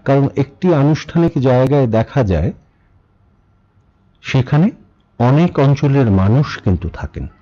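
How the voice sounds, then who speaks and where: A man from Bangladesh giving a spoken lesson, measured and pausing often, asking rhetorical questions. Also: mid-range voice, very animated, highs cut off. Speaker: speaking teacher. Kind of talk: spoken lesson on standard pronunciation.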